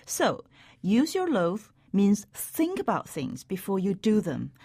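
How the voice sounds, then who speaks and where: A woman's voice: medium pitch, huge pitch swings, slow pace, dark tone, husky. A woman co-hosting a scripted language lesson, who plays naive and jokey before she explains a phrase. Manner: playfully naive, then explaining. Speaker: co-host.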